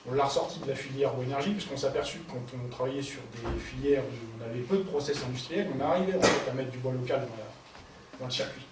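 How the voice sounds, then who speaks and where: Man on a panel, distant and echoey. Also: medium pitch. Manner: explanatory, full of fillers and self-corrections. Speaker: forestry advisor on a panel. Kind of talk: panel discussion contribution. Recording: distant mic in echoey room, audible noise.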